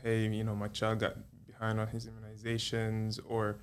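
A young man from Egypt, a pediatrician guest on a health podcast, answering questions in an unhurried, hesitant way with many fillers. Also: on the low side, completely flat delivery, slight background noise. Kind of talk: conversational interview.

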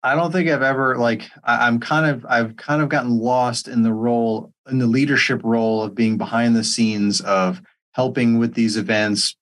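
A man in casual podcast discussion, speaking haltingly and often correcting himself. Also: medium pitch, steady tone, a bit bright. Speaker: event organiser and content creator.

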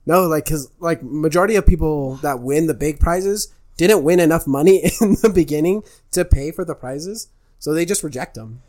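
A man's voice: a little high, darkish tone. A young man co-hosting a podcast in casual chat, joking and laughing often. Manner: laughing, joking, quick to riff. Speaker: podcast co-host.

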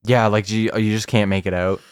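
A man co-hosting a casual podcast, telling a story with laughs, a bit of swearing and slow pauses for suspense. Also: on the low side, flat delivery, clear, resonant tone, no room sound, clean studio sound. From Canada. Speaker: podcast host.

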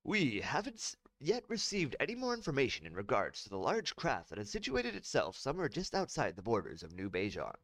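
A man's voice: medium pitch, wildly swooping pitch, brisk, hardly any pauses, fairly bright tone, dry recording, pitched above the performer's own voice, exaggerated voice. Man doing news anchor guy, formal newsy read, dry sound. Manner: formal newsreader delivery. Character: smooth male television news anchor.

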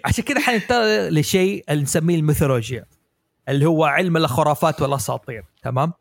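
A man hosting a podcast, explaining ideas in a lively way and asking his guests for their views. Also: fairly high pitch, very fast, creaky, dry recording, studio quality. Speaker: podcast host. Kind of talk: casual podcast discussion.

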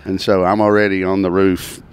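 A man's voice: deep voice, little pitch movement, normal speed, smooth. A man with a Southern US accent telling stories casually, blunt and joking, as a podcast guest outdoors. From southern United States. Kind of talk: casual storytelling. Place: outdoors in a city apartment backyard. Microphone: own podcast microphone.

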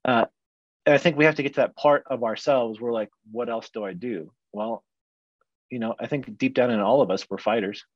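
A man's voice: mid-range voice, brisk, dry recording, dull audio. A man who works as a counselor, talking frankly and reflectively in a casual podcast chat.

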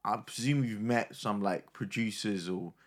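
A man's voice: lowish voice, moderate pace. A man interviewing someone in a casual, chatty way.

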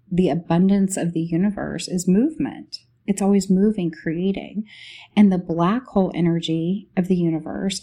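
This is a woman hosting a guided spiritual meditation, her tone warm and her pitch fairly low. She keeps her phrases short and unhurried, with long silences in between.

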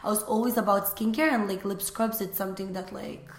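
A young Lithuanian woman talks casually about her small business as an interview guest, relaxed and chatty with plenty of fillers. Her voice is medium-pitched and a little fast. The room is echoey, and there's slight background noise.

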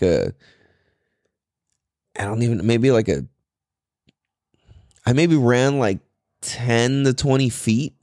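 A man's voice: mid-range voice, a little mellow, dry recording, clean studio sound. A man casually telling a story in a rambling, profane way, full of fillers and restarts.

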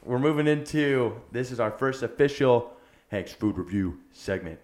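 A man's voice: mid-range voice, lively intonation, moderate pace, darkish tone. A young man co-hosting a podcast, talking in an earnest, rambling way full of "like" fillers. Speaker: podcast co-host. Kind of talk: casual chat.

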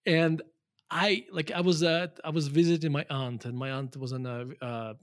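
A man's voice: a little high, steady tone, normal speed, no echo, studio quality. A man in his forties with a Russian accent, a guest in an interview, talking loosely with many fillers and restarts. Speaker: guest investor. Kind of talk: conversational interview.

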